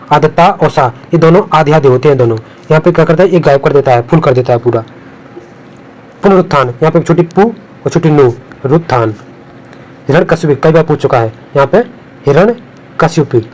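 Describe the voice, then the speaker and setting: In a somewhat high, slightly mellow voice at a fairly quick pace, a Hindi exam tutor drills spellings over notes on screen. He repeats every word and warns what examiners will mark wrong, though the audio quality is poor.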